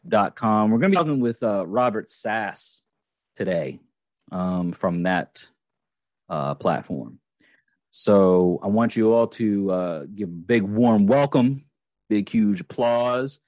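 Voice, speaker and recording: A man's voice: lowish voice, animated, slow, a little mellow, no echo. A man hosting a casual podcast, rambling with many fillers and restarts. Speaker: podcast host.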